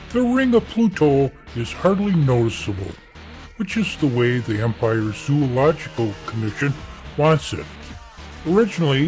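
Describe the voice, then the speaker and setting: A man's voice: medium pitch, lightly acted. A man playing a grandiose alien broadcaster who tells a tale of Earth with theatrical self-importance. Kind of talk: story narration in character. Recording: with music behind.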